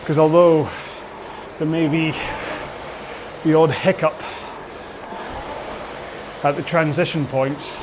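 A man's voice: fairly high pitch, steady tone, takes it slowly, long pauses, background noise. A man coaching a follow-along workout while exercising on a rowing machine, speaking in short phrases broken by effort.

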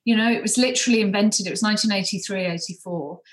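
A woman's voice: medium pitch, quick pace, echoey room, poor audio. Chatty Englishwoman from the Midlands. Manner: chatty, hesitant with many ums. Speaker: guest, beauty brand founder. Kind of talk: podcast interview.

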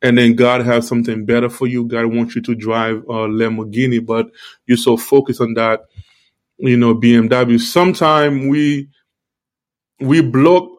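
A man giving an informal, halting devotional talk with a toothache, repeating phrases, his speech slightly altered by a sore mouth. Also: medium pitch. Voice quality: speech slightly altered by tongue-led articulation. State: toothache, talking around a sore tooth and gum. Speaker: live-stream preacher.

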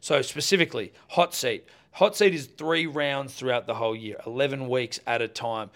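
A man hosting a casual podcast, telling stories with lively asides. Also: mid-range voice, moderate pace. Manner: animated, storytelling with asides. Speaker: podcast host. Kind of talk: casual banter.

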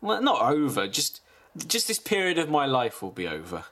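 A man, deadpan in a comedic casual chat as podcast co-host. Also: a little high, moderate pace. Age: 20s. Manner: deadpan, reading a list with asides.

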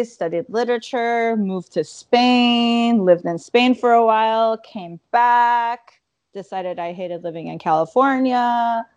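A woman in her thirties, an interview guest, telling her career story in an animated way with quick asides. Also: medium pitch, dry recording.

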